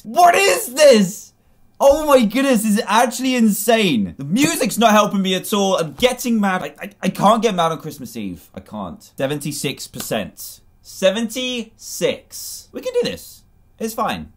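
A young man commentating his own gameplay with huge swings in pitch, one moment muttering and the next yelping. He shouts at his fails and cheers his wins. Faint game music plays behind him. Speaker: gaming YouTuber.

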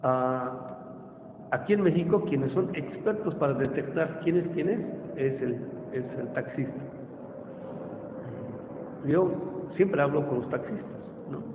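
A university lecturer with a fairly high voice speaks slowly in an informal classroom talk, forever checking in with listeners through tag questions. The lecture room gives a roomy hall echo with faint noise.

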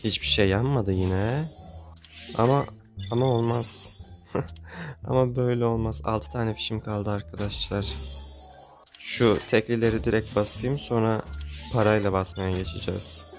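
Excitable gaming commentator, lowish voice. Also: male voice, moderate pace, pauses often, over music. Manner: excitable, pleading and grumbling at the game. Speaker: gaming YouTuber. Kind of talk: casual gameplay commentary.

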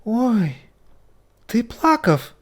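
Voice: mid-range voice, sing-song, extremely slow, pitched above the performer's own voice. A storyteller voicing a fretful, chatty female caterpillar who complains and whines in a bedtime story. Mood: cheerful. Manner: whiny, tearful complaining. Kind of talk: storybook character voice.

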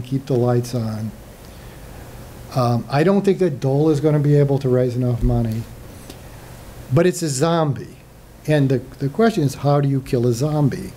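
An older man gives a slide lecture in a hall, his voice mellow and unforced. He talks conversationally, stopping for fillers and restarting phrases as he goes. A faint hiss of room noise sits behind him. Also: mid-range voice.

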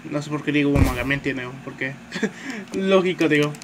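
Playing through a game, this man keeps up a loose running commentary at a moderate pace, saying "tío" constantly and cursing the enemies. He's a chatty gamer whose voice sits fairly high for a man. Behind him, a phone mic picks up a constant hiss.

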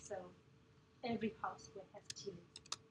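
A woman's voice: mid-range voice, fairly even intonation, a little slow. A woman with a Burmese accent, a native Burmese speaker, giving a casual classroom presentation and laughing often between phrases. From Myanmar. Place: indoor room with an audience. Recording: echoey room, far from the mic, noisy.

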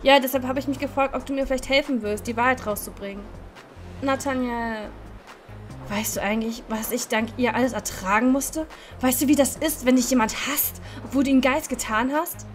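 A woman's voice: high-pitched, fairly even intonation, brisk, faint music behind. A woman hosting a let's-play, reading a dating game aloud and voicing every character, playful and laughing at her own slips.

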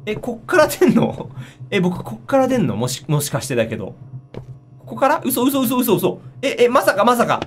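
A woman giving excitable commentary on a horror game, easily startled, often exclaiming and repeating her words. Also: fairly high pitch, moderate pace. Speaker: game streamer. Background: music.

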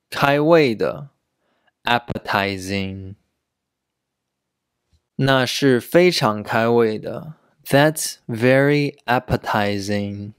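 Slow, deliberate man drilling English words. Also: lowish voice, clean tone, no echo, studio quality. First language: Chinese. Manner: repeats each word and sentence several times, slow and deliberate. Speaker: English teacher. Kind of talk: slow repeated pronunciation drills.

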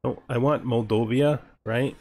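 This man is a gaming video host casually narrating a strategy game, talking to himself as he works things out, with music playing behind him. His mid-range voice is steady, a little mellow, and a little slow.

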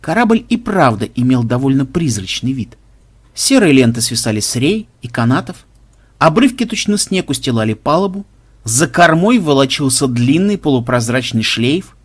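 A man narrating an audiobook with expressive storytelling. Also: mid-range voice, normal speed, breathy edge.

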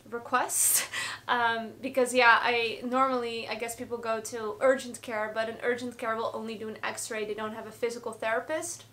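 A woman's voice: fairly high pitch, a bit bright. A woman in her twenties chatting casually to camera in a vlog, recorded in a bedroom. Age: 20s. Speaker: vlogger, roller skater. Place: bedroom, indoors.

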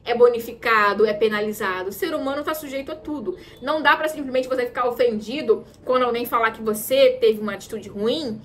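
A woman's voice: fairly high pitch, a little fast, few pauses, slight background noise. A Brazilian woman giving an emphatic motivational talk as a mentor, repeating her key phrases for stress. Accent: Brazilian Portuguese. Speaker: women's mentor.

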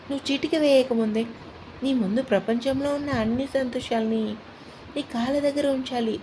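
Doting middle-aged uncle, gentle and reassuring, voiced by a woman, mellow tone, storybook. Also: fairly high pitch, slight background noise, lightly acted, low-quality recording. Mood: teasing.

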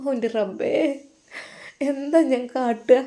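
A woman's voice: sits high, takes it slowly, mellow. A woman voicing a doting older mother who coos affectionately.

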